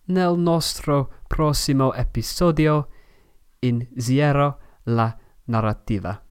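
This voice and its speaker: A man from Manchester, a native English speaker with an English accent in Italian, narrating a scripted podcast as host in halting learner's phrasing. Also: mid-range voice, clear, resonant tone. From Manchester, England.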